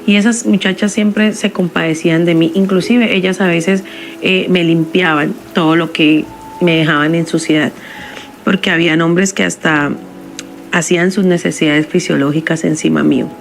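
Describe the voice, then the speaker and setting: Low-voiced woman narrating a somber story. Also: steady tone, normal speed, gravelly, faint music behind. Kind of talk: first-person story narration.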